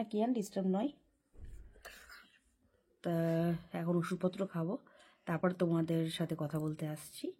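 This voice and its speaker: A woman's voice: low-pitched, dark tone, slightly rough. A young woman vlogging casually from her bedroom at night, rambling and explaining at length. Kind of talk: casual chat to camera. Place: home bedroom, lying under a blanket.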